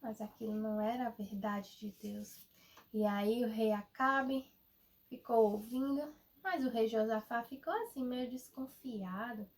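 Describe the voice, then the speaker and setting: A young woman with a fairly high voice tells a Bible story to children, animated and speaking right to them. She sounds somewhat far from the microphone. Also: a little slow. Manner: animated, addresses children directly. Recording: voice a bit far from the mic.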